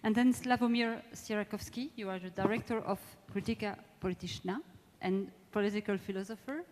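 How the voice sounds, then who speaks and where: The long echo of a large, amplified conference hall surrounds a Belgian woman whose first language is French as she introduces a live panel debate in English. She has a mellow, soft-edged, mid-range voice with fairly even intonation. Her delivery is halting, and she frequently searches for words.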